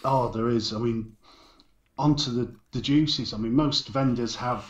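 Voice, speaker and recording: Co-host, slow dry delivery, roomy echo. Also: male voice, mid-range voice, lo-fi sound. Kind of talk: casual podcast chat.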